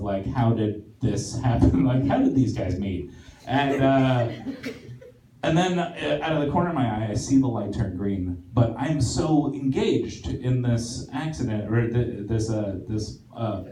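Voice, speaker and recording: A male stand-up comedian rambles through a self-deprecating story, tripping over fillers and restarts. His mid-pitched voice is picked up from a distance, swimming in the room's echo, with a steady wash of noise and audience laughter underneath. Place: theater stage, audience laughing. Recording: roomy echoey live theater recording from far off.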